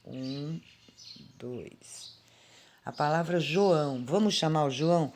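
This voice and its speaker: Slow, patient Brazilian woman teacher. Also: low-pitched, darkish tone, a little hiss or hum. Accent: Brazilian Portuguese. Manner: slow, patient and explanatory, calling out words aloud. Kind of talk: remote grammar lesson for children. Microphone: phone.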